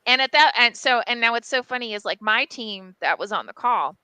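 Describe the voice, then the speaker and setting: A woman editor tells a story in casual podcast chat, frank, lively and quick to swear. Her voice is bright and crisp, and the sound is dry and close with no room echo. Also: fairly high pitch. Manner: animated storytelling, frank and profane, many fillers. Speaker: press editor.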